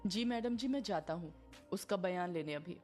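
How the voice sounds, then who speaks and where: A jittery young constable, put on by a woman storyteller, quick to say yes and a little louder and higher than her usual voice. Her dark, mellow tone stays underneath, with faint music behind. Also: expressive, natural voice. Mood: flustered. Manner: flustered, deferential.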